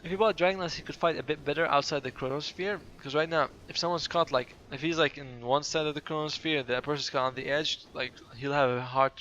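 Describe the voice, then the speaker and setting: A man's voice: a little high, fairly even intonation, brisk, hardly any pauses, fairly bright tone, muffled recording, slight background noise. A tired, yawning man giving casual, chatty play-by-play commentary on a game replay, often correcting himself mid-sentence.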